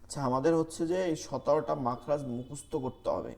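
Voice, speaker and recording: A man teaching an online Quran class, patiently repeating letter sounds slowly for students to copy. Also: on the high side, creaky, darkish tone.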